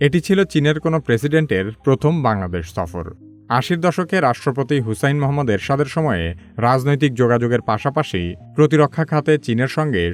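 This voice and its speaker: A man narrating a scripted news explainer in a measured, even way, his sentences dropping low at the ends. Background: faint background music.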